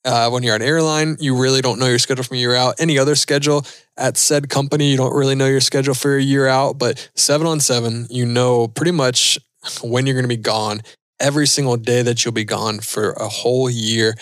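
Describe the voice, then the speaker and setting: A man in his thirties, who is both a podcast host and a pilot, answers listener questions on his casual show in an easygoing way, thinking aloud with fillers. His mid-range voice is steady, fairly quick, and fairly bright. The clean studio recording has no room sound.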